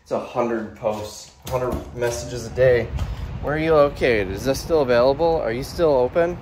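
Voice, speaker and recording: Speaking at a moderate pace with a medium-pitched, slightly mellow voice, a young adult from the United States films himself working his warehouse sale, phone held at arm's length. The casual vlog chat is rambling and matter-of-fact, recorded indoors and outdoors by the road, with slight hiss or hum.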